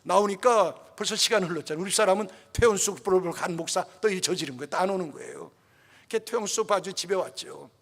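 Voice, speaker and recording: A man's voice: high-pitched, fast, creaky, a bit bright. Older male pastor preaching in a hall. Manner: passionate, emotional storytelling. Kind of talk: sermon. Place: church. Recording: reverberant church hall.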